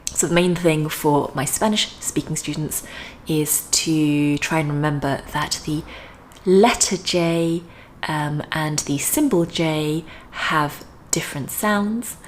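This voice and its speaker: A woman teaching English pronunciation in a careful, deliberate way, with frequent ums. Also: low-pitched, a little hiss or hum. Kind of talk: slow, careful pronunciation lesson.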